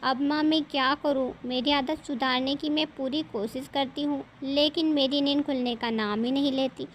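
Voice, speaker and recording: A woman's voice: high voice, steady tone, moderate pace, a little hiss or hum, close to an everyday voice. A woman voicing a sleepy, apologetic young wife who pleads meekly. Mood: pleading.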